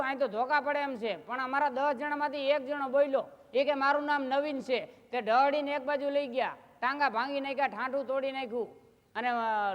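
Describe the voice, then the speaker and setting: Man, high voice, live comic storyteller, long hall reverb. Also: lo-fi sound. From Gujarat, India. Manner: chatty anecdotal storytelling, acting out neighbours' questions. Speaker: folk comedy storyteller. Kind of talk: live stage comedy storytelling. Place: live stage show.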